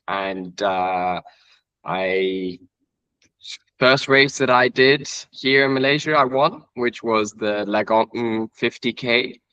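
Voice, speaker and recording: Man, twenties, from Iceland, rambling interview guest, fillers and restarts, low-ish voice, muffled dry sound. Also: clear, resonant tone, no echo. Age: 20s. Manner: relaxed, rambling with many fillers and self-corrections. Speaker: guest, trail runner. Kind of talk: casual interview chat.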